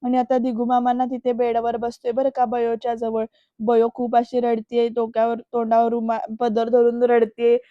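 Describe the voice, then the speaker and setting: A woman's voice: a little high, completely flat delivery, moderate pace, no room sound, muffled recording. A woman recapping a TV serial episode in a chatty way, speaking straight to her viewers. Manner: chatty, addresses the viewers directly. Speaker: TV serial reviewer.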